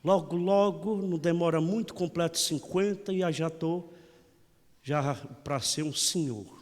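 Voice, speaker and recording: A Brazilian man in his forties preaches a joking, folksy homily, teasing his listeners as he goes. His voice sits on the higher side for a man. Long church reverb trails each phrase. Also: measured pace, darkish tone. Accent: Brazilian Portuguese. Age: 40s. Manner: folksy, teasing, keeps saying "meu irmão". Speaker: parish priest. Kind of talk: lively humorous homily.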